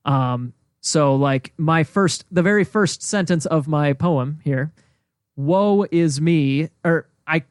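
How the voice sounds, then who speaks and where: A man's voice: a little high, slow, hardly any pauses, clean tone, no room sound, studio quality. A man co-hosting a casual podcast chat, self-deprecating and patiently explaining. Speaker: podcast co-host.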